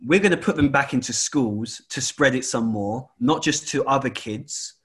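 A man's voice: mid-range voice, moderate pace, fairly bright tone, husky. Exasperated man in casual chat. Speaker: school or college staff member.

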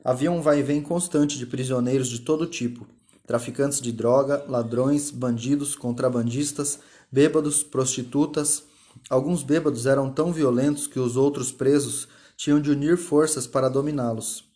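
A man reading a novel aloud in calm, measured scripted narration. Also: medium pitch. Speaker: audiobook narrator.

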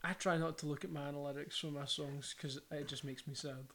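A man's voice: fairly high pitch, fairly even intonation, a little fast, fairly bright tone. A man, a musician guest chatting informally and with some swearing on a podcast. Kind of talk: casual podcast chat.

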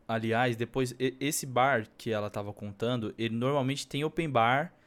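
A man's voice: mid-range voice, moderate pace, a bit bright. A young male podcast co-host with a Brazilian Portuguese accent and a mid-range voice. His talk is informal and playful, thick with slang and the occasional curse. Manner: informal, playful, swears casually. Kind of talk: casual, slangy podcast chat.

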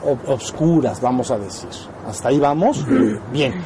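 In an informal spiritual lesson, a man with a Mexican accent explains concepts and keeps checking, through quick questions, that students are following. His medium-pitched, mellow voice is lively and moderately paced. The audio is poor, with a bit of background noise.

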